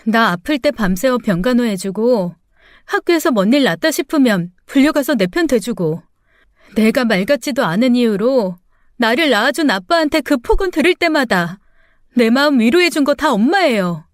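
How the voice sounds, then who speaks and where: A woman voicing a grown daughter who is bitter and defiant toward her father, with sharp, accusing, tearful protests. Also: a little high, lively intonation, moderate pace, no echo, studio quality, close to an everyday voice. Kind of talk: radio drama acting.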